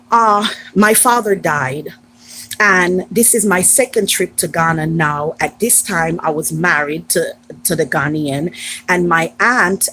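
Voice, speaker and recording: A woman's voice: lowish voice, fairly bright tone, breathy edge, low-quality recording. An American woman vlogger frankly recounting her own experiences on a live stream, emphatic and repetitive, now and then slipping into the voices of people she quotes. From United States. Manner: frank, emphatic, repeats herself, slips into acted quotes. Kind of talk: candid personal storytelling on a live stream.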